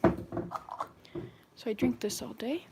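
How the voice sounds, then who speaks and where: A woman's voice: on the high side, drawn-out words, very noisy. A woman in her sixties chatting casually to viewers while she cleans her house, rambling from one chore to the next. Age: 60s. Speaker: vlogger. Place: home indoors.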